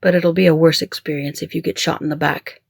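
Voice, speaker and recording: An audiobook reader voicing a terse, protective male bodyguard who murmurs orders and barks them under fire, with a slightly gravelly edge. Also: flat delivery, fairly quick, no echo, studio quality. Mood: calm. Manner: low murmured orders, barking in danger. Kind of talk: audiobook dialogue.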